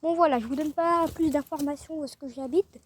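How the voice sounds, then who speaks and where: A woman's voice: high-pitched, fairly quick. A teenage girl from France, vlogging casually outdoors by her chickens, rambling and often trailing off mid-sentence. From northern France. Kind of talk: casual vlog. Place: outdoor garden by a chicken coop.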